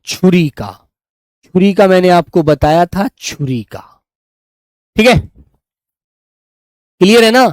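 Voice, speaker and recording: A man's voice: high voice, lively intonation, takes it slowly, pauses often. A man teaches a live online class, walking his students through quiz answers in a patient, coaxing way. He keeps calling on them and encouraging them as he goes. The sound is dry and close, with no room echo. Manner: coaxing, addresses students as beta.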